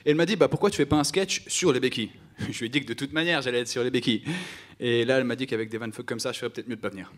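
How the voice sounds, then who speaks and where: A man's voice: medium pitch, rapid-fire. A man doing stand-up comedy with self-mocking storytelling.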